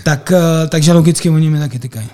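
A man's voice: fairly high pitch, dark tone. A man, a hockey referee, chatting on a podcast and rambling with lots of fillers and restarts. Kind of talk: casual podcast chat.

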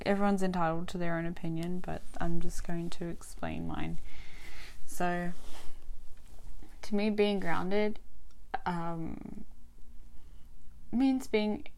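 A woman's voice: lowish voice, steady tone, takes it slowly, long pauses, a little mellow, slight background noise. A young Australian woman with a Western Australian accent, hosting a solo podcast in a chatty way, laughing often and restarting her sentences. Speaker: podcast host.

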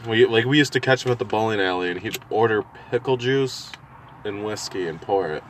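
A man's voice: on the low side, brisk. A laid-back man trading stories in casual chat, swearing easily and chuckling between sentences. A faint hiss of noise sits behind his voice. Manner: laid-back, profane, laughs between lines. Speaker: podcast co-host.

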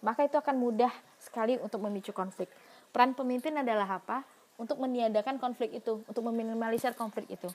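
A woman's voice: a little high, quick pace, darkish tone. A woman giving a university lecture in an explanatory way, asking herself questions and answering them, with frequent fillers.

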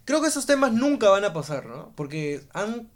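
A man's voice: sits high, big pitch swings, normal speed, crowd noise. A man co-hosting a podcast, chatty and self-mocking, laughing a lot. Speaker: podcast co-host. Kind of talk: casual chat.

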